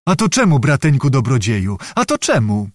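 A huge but bashful knight protests in an earnest, flustered way. A man voices him while reading an audiobook. His voice rises and grows louder with embarrassment. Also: medium pitch, huge pitch swings, normal speed, no echo, studio quality.

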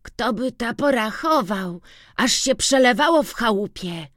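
A narrator voicing a young farm boy who speaks in high, eager exclamations, in an audiobook. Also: lively intonation, unhurried, a bit bright, no room sound, clean studio sound. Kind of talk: audiobook reading.

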